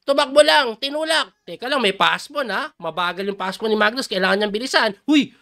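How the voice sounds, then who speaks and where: Excitable Filipino chess coach, high voice. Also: male voice, fairly quick, creaky. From Philippines. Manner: excitable, exclaims and reacts loudly to moves. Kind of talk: live chess game commentary.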